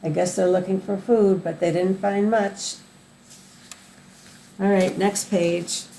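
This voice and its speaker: An older woman, a sweet old lady, reads a picture book aloud to a child in a gentle, unhurried way, as a grandmother would. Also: medium pitch, steady tone. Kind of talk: read-aloud storytelling with asides to a child. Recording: roomy echo, faint background noise.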